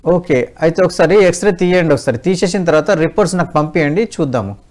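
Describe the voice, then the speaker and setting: A man, a doctor on a call-in health show, talks callers through remedies in a patient, step-by-step way. His voice sits a bit high for a man. He addresses the callers kindly as mother. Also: lively intonation, quick pace, a little mellow. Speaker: doctor giving advice to callers. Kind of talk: phone-in health advice.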